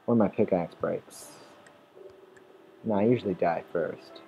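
This is a man with a deep voice doing let's-play commentary into his desk mic. He wanders between thoughts, swears freely and talks back to the game's creatures. Faint noise sits underneath. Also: a little slow, creaky, mellow, rough recording. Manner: rambling, swearing, talks at game mobs, restarts sentences. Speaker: gameplay commentator. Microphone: desktop or headset mic.

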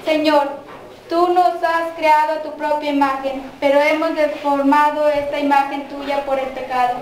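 A Mexican woman leading the prayers and readings at a mass, reciting in a measured, even way in a church. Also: high voice. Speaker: prayer leader at a quinceañera mass. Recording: echoey church from far off, faint noise.

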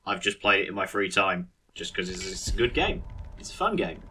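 A man's voice: low voice, big pitch swings, a little fast, pushed and bright, a little hiss or hum. A man with a British accent giving casual, sardonic, mock-grumpy gameplay commentary as a video host.

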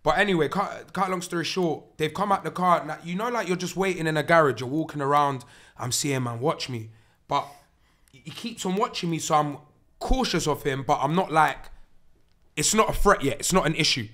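Young london roadman guy hosting a podcast, slangy stories, sharp bright voice. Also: fairly high pitch, brisk. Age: young adult. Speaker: podcast host. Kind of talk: animated casual podcast storytelling with street slang. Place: small podcast studio. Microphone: close studio microphone on a stand.

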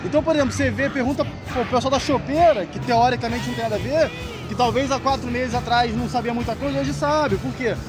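High-pitched carioca man, loud festival behind. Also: fast. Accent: Rio de Janeiro (carioca). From Rio de Janeiro, Brazil. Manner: slangy, informal. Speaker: beer sommelier, interview guest. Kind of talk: casual interview chat. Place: large indoor festival hall beside stacked kegs. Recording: loud music and crowd noise behind.

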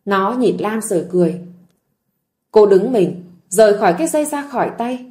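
A woman reading a drama story aloud in a gentle, emotive narration. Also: medium pitch, lively intonation, normal speed. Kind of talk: scripted audiobook narration.

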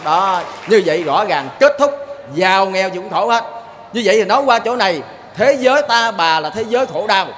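This man, a lay preacher with a Southern Vietnamese accent, speaks at normal speed in a high, animated, fairly bright voice. His sermon is folksy and full of storytelling, and he keeps asking the listeners "see?"

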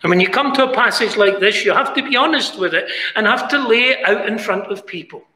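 A British man preaching a sermon in a chapel, pleading earnestly, moving from quiet asides to raised, emphatic lines. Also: high voice, expressive, a little fast, slight background noise. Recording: echoey chapel with long reverb.

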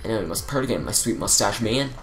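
A man voicing a flirty, smug female mouse thief from a video game, speaking softly and teasingly with a lively rise and fall. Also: on the low side, fast, soft background music. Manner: soft, hushed, teasing delivery.

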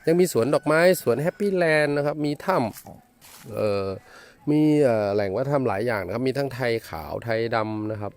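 Outdoors in a village, a Thai man narrates a casual travel vlog, polite and rambling with many hesitations. His voice is medium-pitched with lively intonation, and he speaks briskly.

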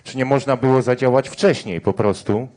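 A man's voice: medium pitch, moderate pace, a little mellow. A male sports journalist asking persistent follow-up questions at a press conference.

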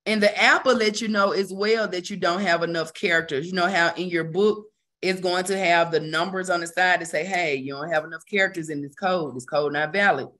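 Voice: mid-range voice, steady tone, fairly quick, sharp tone. A medical coding instructor teaching a casual live session, talking conversationally to the class, repeating key terms for emphasis and adding chatty asides.

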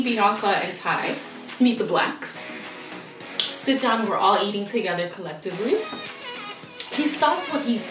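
Woman mukbang vlogger, blunt joking tone, echoey room, heard from a distance with music behind. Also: mid-range voice. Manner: blunt and joking, addresses viewers directly. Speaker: vlogger co-host. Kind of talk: casual mukbang chat. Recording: roomy, mic far off, music behind.

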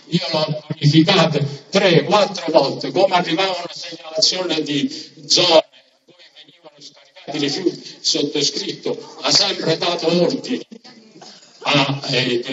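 A man giving an impassioned, booming political speech at an outdoor rally, with emphatic repetition and rhetorical questions. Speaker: local politician speaking at a campaign rally. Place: large town square at night, outdoors. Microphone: stand microphone through PA, filmed by far camera. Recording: echoey distant lo-fi outdoor PA, crowd noise.

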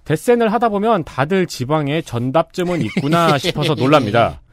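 A man's voice: fairly high pitch, animated, a little fast, no room sound, studio quality. A man co-host presenting candidate profiles, chatty, with light quips. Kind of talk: briefing-style chat.

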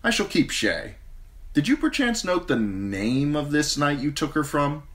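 A man's voice: a little high, very animated, unhurried, fairly bright tone, voice pushed up. A man doing a sardonic dwarf lord, raised and dry. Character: sharp-tongued male dwarf lord, dry wit.

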